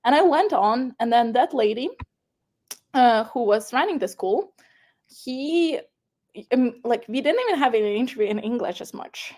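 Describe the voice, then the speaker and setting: Speaking as a guest in an interview, a young Ukrainian-accented woman recounts her personal story. Her pitch sits a bit high, and she talks animatedly and loosely, often restarting, using fillers and laughing quickly.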